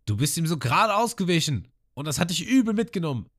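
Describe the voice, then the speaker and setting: Lysop, a man doing a shrill panicky young sniper. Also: sing-song, fast, fairly bright tone, husky, exaggerated voice. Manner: screeching, alarmed warnings.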